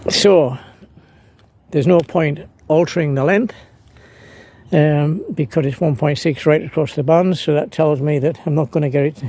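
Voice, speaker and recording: In a hands-on amateur radio demonstration, a man gives unscripted how-to vlog narration, sounding hesitant as he thinks aloud over his work. His voice is fairly high and warm, and he speaks a little slowly.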